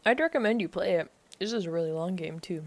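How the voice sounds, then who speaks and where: A woman's voice: lowish voice, fast. A woman giving casual live commentary while playing a game for her stream, giggling often and chatting to her viewers.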